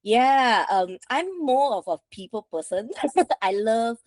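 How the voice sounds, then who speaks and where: A woman guest on a casual livestream interview, talking in a lively way and laughing between points. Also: fairly high pitch, slow pace, dry recording. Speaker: guest local guide.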